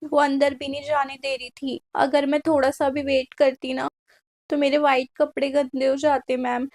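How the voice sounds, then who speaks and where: A woman's voice: high-pitched, little pitch movement, normal speed, lightly acted. A woman voicing a timid schoolgirl who apologizes and cries in a comedy skit. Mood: apologetic. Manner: apologetic, tearful. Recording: faint music behind.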